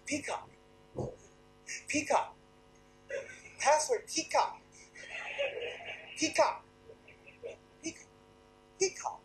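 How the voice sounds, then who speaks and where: An actor playing an overeager male tech reporter in a comedy sketch, excitable and repeating voice commands over and over. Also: sits high, a little hiss or hum, rough recording.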